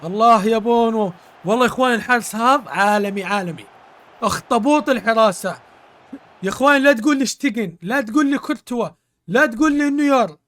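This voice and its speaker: A man's voice: very high-pitched, quick pace, a bit bright. A man streaming a football video game, commentating live, exclaiming in bursts, repeating words and thanking his viewers. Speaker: gaming streamer.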